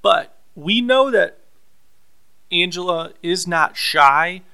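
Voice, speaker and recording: A man co-hosting a podcast, talking through a TV episode in a measured, explanatory way. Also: high-pitched, lively intonation, creaky, bright, forceful tone, smooth. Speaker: podcast co-host. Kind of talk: casual recap chat.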